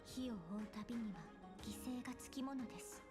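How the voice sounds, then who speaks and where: A woman's voice: on the high side, quick pace, over loud music, natural voice. A woman voicing a solemn, polite young maiden burdened by duty in an anime game, speaking formally and with restraint. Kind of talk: Japanese anime game voice acting.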